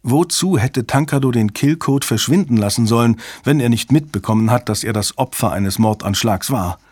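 A man voicing a sharp, questioning woman cryptographer. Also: medium pitch, moderate pace, dry recording, natural voice. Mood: puzzled. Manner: reasoning, questioning. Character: sharp-minded female cryptographer.

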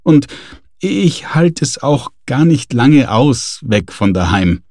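A man's voice: mid-range voice, sing-song, takes it slowly, a little mellow, no room sound, clean studio sound, pitched above the performer's own voice, exaggerated voice. A man voicing a grumbling, fretful middle-aged man who whines and complains about leaving home. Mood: whining. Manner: whiny, complaining.

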